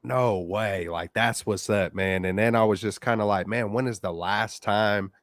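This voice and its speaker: A man's voice: fairly low pitch, fairly even intonation, moderate pace, no room sound, clean studio sound. Slangy American man calling in over the phone. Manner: slangy, informal, frequent "man" and "bro". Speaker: caller on a live sports call-in show. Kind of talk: casual excited fan chat.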